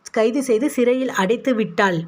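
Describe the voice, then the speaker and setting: A woman's voice: a little high, normal speed, close to an everyday voice. A woman reading as a grieving young monk. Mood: subdued. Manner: sorrowful, defeated.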